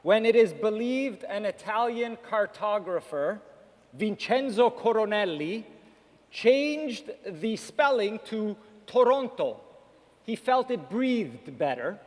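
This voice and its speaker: Male guest speaker, high voice, slow lyrical delivery, hall reverb. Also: expressive, darkish tone. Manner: measured, lyrical. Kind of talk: poetic speech.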